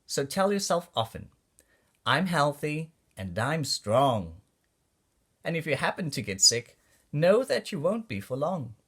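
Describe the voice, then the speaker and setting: A man reading a rhyming children's storybook aloud in an expressive, deliberate way for young listeners. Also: mid-range voice. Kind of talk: read-aloud storybook narration of rhyming verse.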